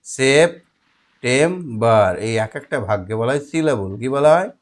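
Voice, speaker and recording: A man's voice: medium pitch, animated, normal speed, a little mellow. Man, teacher, homework lesson, patient, repeats and questions. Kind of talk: homework lesson for a young child.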